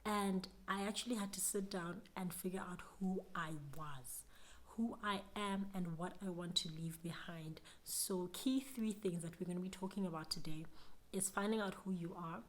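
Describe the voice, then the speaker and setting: A young South African woman with a South African accent, giving an earnest, reflective motivational talk to camera about business. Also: lowish voice. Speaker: business vlogger.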